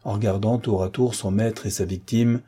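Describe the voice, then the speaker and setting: A man narrating a classic novel as an audiobook in a measured, even reading. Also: lowish voice, breathy edge.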